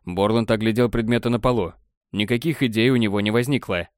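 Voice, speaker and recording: A man narrating an audiobook in an even storytelling manner. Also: lowish voice, fairly quick, clear, resonant tone, dry recording, studio quality. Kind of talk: scripted narration.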